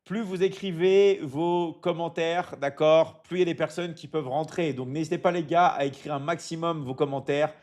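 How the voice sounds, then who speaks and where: A man's voice: on the high side, fairly even intonation, moderate pace, hardly any pauses, a little mellow. Man hosting a chatty live stream. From Michigan. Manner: repeats "d'accord?" often, stumbles and restarts, coaching tone; reads out viewer comments and answers them. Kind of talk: casual live stream chat.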